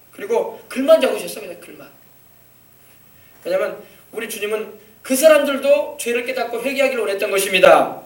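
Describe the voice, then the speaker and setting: A man pastor giving an animated children's sermon, coaxing the kids with questions. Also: high voice. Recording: echoey church from far off.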